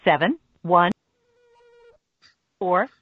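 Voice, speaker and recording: An automated answering-machine voice reading a recorded voicemail greeting, flat and evenly paced, heard through a phone. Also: medium pitch, extremely slow, dry recording. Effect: automated voicemail greeting over a phone line. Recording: tinny dry phone line.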